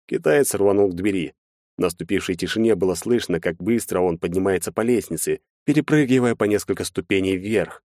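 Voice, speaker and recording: A man reading a first-person audiobook in steady, measured storytelling on a close mic. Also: low-pitched, dry recording. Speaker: audiobook narrator.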